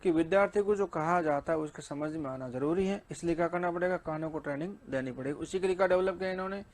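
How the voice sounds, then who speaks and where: High-voiced man teaching in Hindi. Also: quick pace, darkish tone. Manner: asks and answers his own questions, mixing in read-out English. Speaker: English teacher. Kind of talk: exam-prep lecture.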